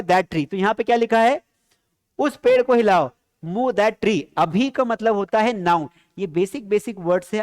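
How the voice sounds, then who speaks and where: Guy with a high voice teaching english on a livestream, dry close sound, keeps quizzing students, slows down on key phrases. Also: no room sound. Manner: drills sentences with repeated questions to students. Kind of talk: live-streamed language lesson.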